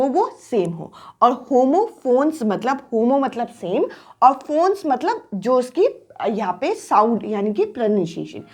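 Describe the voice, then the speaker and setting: A woman's voice: a little high, a little mellow, husky. A young woman teaching an exam-prep lesson, explaining terms step by step and often saying "dekhiye" to draw attention. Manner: repetitive, frequent "to dekhiye" prompts.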